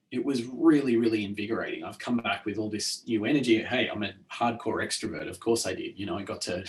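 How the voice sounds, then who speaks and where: A man's voice: fairly low pitch, recorded from a distance. A man co-hosting a casual podcast chat, talking in a hesitant way with many fillers and restarts. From Australia. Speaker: podcast co-host.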